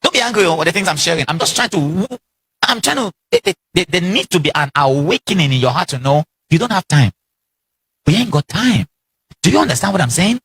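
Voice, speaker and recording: A man's voice: high-pitched, very animated, brisk, fairly bright tone, slightly rough. A man giving a motivational seminar talk, exhorting the audience with repeated lines and questions. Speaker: seminar speaker.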